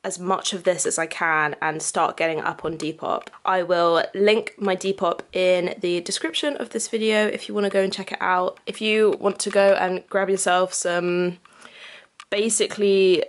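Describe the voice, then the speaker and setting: Sitting in her small bedroom, a woman in her twenties vlogs casually to the camera, poking fun at herself and laughing. Her voice is lowish, with fairly even intonation and a moderate pace. The sound comes from a camera mic held at arm's length.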